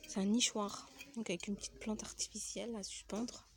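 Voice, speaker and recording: Woman with a cold doing a shop walkthrough vlog, talks low, half whispering, lots of store noise behind her. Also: level tone, fairly quick. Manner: soft-spoken, often near a whisper. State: has a cold. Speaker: home decor vlogger. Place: inside a large home goods store.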